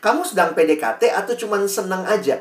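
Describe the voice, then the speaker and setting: A man speaking to young people in a sermon, conversational and lively, sometimes acting out teenagers' questions. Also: high voice, quick pace. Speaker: youth speaker. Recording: roomy, distant mic.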